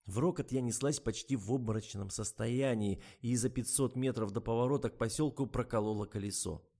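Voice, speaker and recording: A man reads first-person audiobook narration at a middle pitch. His reading is even and measured. He carries the story steadily between the dialogue. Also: gravelly.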